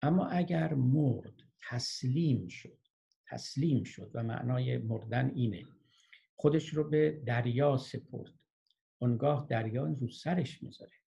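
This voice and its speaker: A man giving a lecture, reciting verses slowly and then explaining them in plain conversational speech. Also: mid-range voice, creaky, warm tone, slightly rough. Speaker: lecturer on classical poetry. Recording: muffled lo-fi recording.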